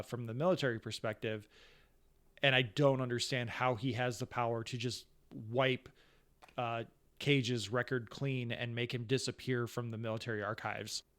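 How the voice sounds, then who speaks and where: A man's voice: medium pitch, a bit bright, clean tone. A man co-hosting a podcast, rambling through a film's plot holes in casual chat and restarting his sentences often. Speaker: podcast co-host. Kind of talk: casual movie discussion.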